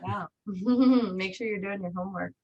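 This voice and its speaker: A real estate trainer co-hosting an online team meeting chats in an encouraging, informal way. She has a medium-pitched voice at normal speed, and the sound is lo-fi.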